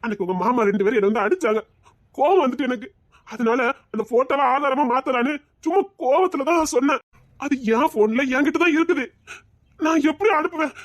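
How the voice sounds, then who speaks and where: A frantic young man, begging and wailing to be believed, speaking with a Tirunelveli Tamil accent , as a woman acts him out. The voice sits fairly high and the recording is dry and close. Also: animated, fairly quick, dry recording. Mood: frantic pleading. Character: panicked young male boyfriend, pleading and guilt-ridden.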